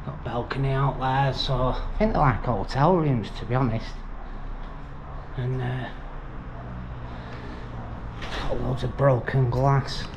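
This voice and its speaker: A man's voice: medium pitch, slow, pauses often. A middle-aged man giving casual, matter-of-fact commentary as he walks through an abandoned hotel. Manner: chatty, matter-of-fact, mild swearing. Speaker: urban explorer vlogger. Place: abandoned hotel and overgrown grounds, in and out of doors. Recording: lo-fi camera audio with background noise.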